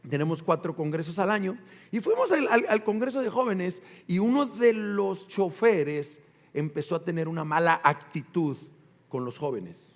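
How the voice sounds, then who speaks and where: A man with a Mexican accent preaching a sermon as pastor, animated, with call-and-response to the congregation and acted-out quotes. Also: high voice, normal speed, long reverb tail.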